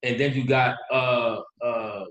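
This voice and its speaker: A man co-hosting a casual sports podcast, animated and quick to laugh, getting heated when he argues a point. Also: mid-range voice, roomy sound, rough recording. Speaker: podcast co-host.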